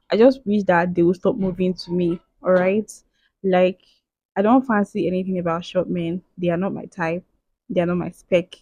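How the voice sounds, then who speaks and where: Fairly low and warm, this voice belongs to a young Nigerian vlogger in her twenties doing a playful question-and-answer session. She's chatty and emphatic, sprinkling in "okay" and "like" all the time, and there's no room sound.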